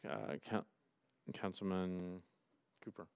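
A middle-aged man chairing a council meeting, reading resolutions aloud in a brisk, formal way from a desk mic. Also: sits low, steady tone, vocal fry, a little hiss or hum. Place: large council chamber, seated at dais. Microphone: desk gooseneck mic.

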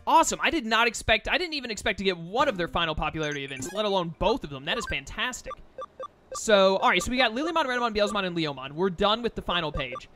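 A man's voice: sits high, big pitch swings, fast talker, sharp tone, faint music behind. A man giving casual, offhand let's-play commentary on a video game, chatting as he plays. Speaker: gaming video host.

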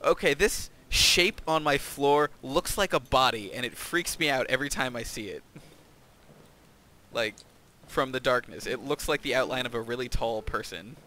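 Bright-voiced man teasing over a horror game. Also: mid-range voice, unhurried. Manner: teasing, swears often, reacts loudly to the game. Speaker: host playing a horror game. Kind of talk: casual let's-play chat.

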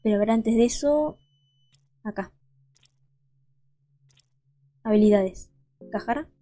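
A young woman commentates a game as she plays. Her voice sits fairly high, with a mellow, warm tone. She chats casually and thinks out loud, talking straight to her viewers. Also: moderate pace, soft background music. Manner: chatty, thinks aloud and addresses viewers. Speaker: gaming channel host. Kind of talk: let's play commentary.

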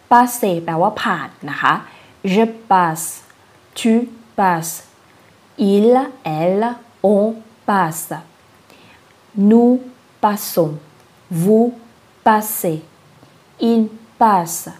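Woman language teacher, unhurried and careful, drills verb forms one word at a time. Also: mid-range voice. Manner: spells out verb forms word by word, then explains them; adds soft polite particles and small laughs. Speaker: French teacher. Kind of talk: slow, careful language lesson.

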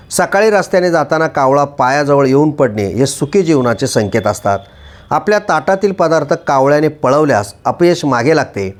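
A man with a fairly high voice reads a scripted voice-over for his channel. He moves steadily through a list of items, one by one. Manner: measured, listing items one by one. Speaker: channel narrator.

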